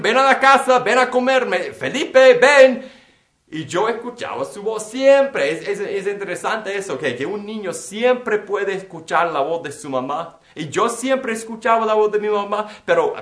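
High-voiced preacher in an echoey room. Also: male voice, fairly bright tone. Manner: storytelling preacher, acts out quoted voices. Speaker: pastor. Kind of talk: sermon.

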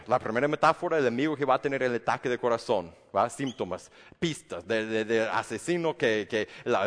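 A man's voice: medium pitch, in a large hall. A man preaching a sermon as a pastor, in a conversational way with frequent restarts, sometimes acting out the voices of others. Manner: conversational, many restarts, acts out quoted voices.

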